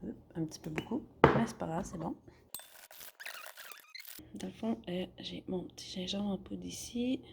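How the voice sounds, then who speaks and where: A woman's voice: on the low side, moderate pace, vocal fry, long pauses, background noise. A young woman with a Québécois French accent, chatting casually as she cooks in her home kitchen and rambles with many fillers. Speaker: vlogger. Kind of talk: casual cooking vlog narration.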